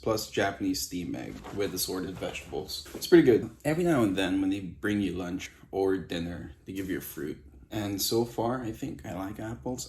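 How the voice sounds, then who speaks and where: A man's voice: on the low side, darkish tone. Man, casual frank vlog talk, echoey room, faint background noise. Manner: offhand and frank, swears casually. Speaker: vlogger. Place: room in a quarantine center.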